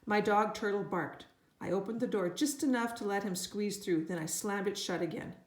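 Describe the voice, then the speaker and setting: A woman reading a children's book aloud at a mid pitch, storytelling with lively energy. Her voice bounces around an echoey room. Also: moderate pace. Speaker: reader. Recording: roomy echo.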